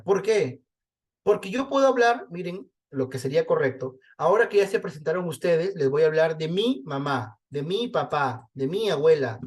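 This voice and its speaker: A fairly high-voiced man from Peru teaches legal writing. He talks emphatically and corrects common mistakes, running through lists of example phrases and checking in with rhetorical questions as he goes. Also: a little mellow. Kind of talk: spoken lesson on legal writing.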